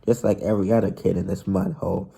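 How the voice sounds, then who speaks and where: A man's voice: sits low, steady tone, fast talker, gravelly, warm tone, slightly rough, exaggerated voice. A man voicing a tiny, scheming one-eyed male creature who wheedles and grumbles. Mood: wheedling.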